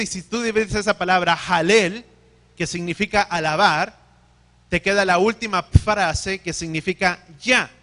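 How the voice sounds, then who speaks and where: In a high, bright voice, a man delivers a sermon, teaching carefully, questioning his listeners and correcting himself as he goes.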